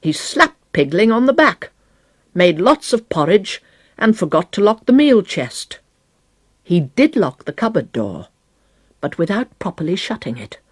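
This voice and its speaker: A woman narrating a children's storybook in a slow, lilting, lively way, with a husky, breathy voice. Her voice swings high and low, and the recording is dry and close. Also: no room sound. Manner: slow, expressive, varied pitch. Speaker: storybook reader.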